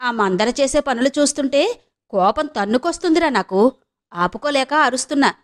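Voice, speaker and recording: A woman voicing a spiteful old mother-in-law who scolds and complains loudly in a harsh manner. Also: high voice, normal speed, close to an everyday voice. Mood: angry complaining. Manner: harsh, shouting, bitter.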